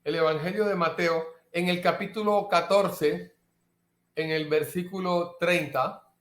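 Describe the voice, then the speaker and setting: Man, preacher, sermon, unhurried emphatic delivery, roomy echo. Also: sits high, fairly even intonation, a bit bright. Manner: slow, emphatic preaching with repeated phrases.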